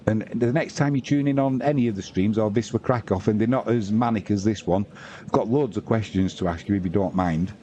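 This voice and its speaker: Slight background noise sits under this stream host's fairly low, dark-toned voice as he calls the rugby league briskly. His commentary is informal and matey, and he breaks from the play-by-play for chatty asides to viewers.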